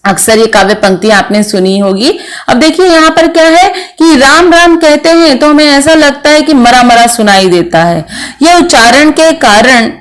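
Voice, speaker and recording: A woman's voice: high voice, expressive, moderate pace. A middle-aged woman teaching a Hindi lesson online, explaining step by step and reading verse examples aloud.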